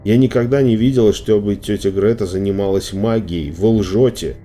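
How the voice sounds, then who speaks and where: A man voicing a frightened girl of about twelve who squeaks and stammers in a trembling voice. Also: moderate pace, warm tone, soft background music, lightly acted. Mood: defiant.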